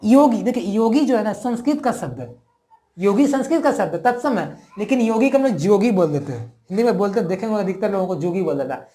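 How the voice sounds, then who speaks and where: A woman explains a grammar lesson at a middle pitch. She repeats each example word several times and keeps turning to her viewers with questions. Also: animated, quick pace, warm tone. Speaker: teacher.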